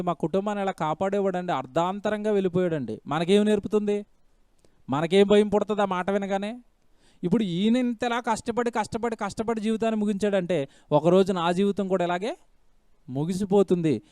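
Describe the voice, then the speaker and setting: A man with a high, smooth voice preaches a sermon, pressing his points with questions to the congregation and repeated lines. The sound is dry and close, with no room echo. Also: darkish tone. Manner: emphatic preaching with rhetorical questions and repeated phrases. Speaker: pastor.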